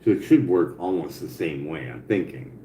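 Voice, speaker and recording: A man with a low voice talks casually, circling back over his words and cursing freely. His articulation is softened by missing teeth. The room echoes, with faint noise underneath. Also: animated, normal speed. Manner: rambling, repetitive, profane. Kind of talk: casual spoken brainstorming to an AI chat. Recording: roomy echo, faint background noise.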